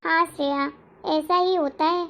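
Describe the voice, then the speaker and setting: A woman voicing a gentle, reassuring young mother-to-be in an animated family story. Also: very high-pitched, unhurried, slight background noise, full character voice. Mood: tender. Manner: soft, reassuring. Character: gentle expectant young aunt, hopeful for a daughter.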